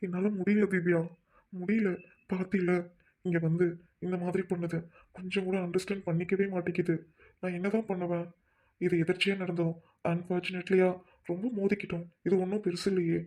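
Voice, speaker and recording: A woman's voice: lowish voice, level tone, fairly quick, darkish tone, close to an everyday voice. A woman voicing a troubled young husband, a doctor, who apologizes and snaps in anger by turns. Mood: distressed. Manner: apologetic, then snapping in anger.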